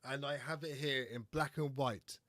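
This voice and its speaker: A man hosting a casual podcast who rants and swears freely, clearing his throat between bursts. His voice sits at a middling pitch and sounds close and dry, with no room around it. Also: fairly even intonation, moderate pace, fairly bright tone, dry recording. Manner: profane, ranting, frequent throat-clearing. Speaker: podcast host.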